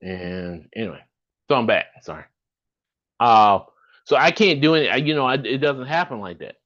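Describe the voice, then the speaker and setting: Over a video call, a podcast host in his fifties, an Alabama man with a Southern drawl, talks earnestly and drifts a bit, often starting sentences over. His mid-range voice is animated and fairly bright at a normal speed, but the recording's highs are cut off.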